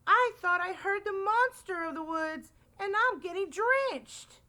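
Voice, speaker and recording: Scared little storybook bunny, squeaky and panicky, as a lady reads him. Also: lively intonation, unhurried, sharp tone, full character voice. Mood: frantic. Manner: high, breathless, worried. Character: timid little male rabbit, easily frightened.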